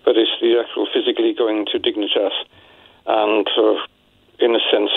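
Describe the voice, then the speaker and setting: A man's voice: fairly low pitch, little pitch movement, fairly quick, husky, dry recording. A man in his seventies calling a radio phone-in, speaking in a hesitant, apologetic way. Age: 70s. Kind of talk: serious phone conversation. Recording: muffled telephone line.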